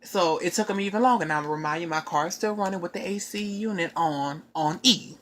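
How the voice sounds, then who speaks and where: A woman with a lowish voice tells a long personal story in casual chat, speaking briskly. She rambles animatedly and keeps turning aside to address her listeners.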